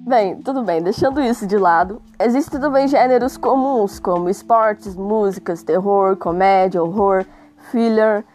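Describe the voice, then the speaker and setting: A woman's voice: mid-range voice, unhurried, darkish tone. A young adult woman with a Brazilian accent and a sore, worn throat, narrating casually in a chatty, joking, self-deprecating way with exasperated asides. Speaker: host reading a magazine aloud. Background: music.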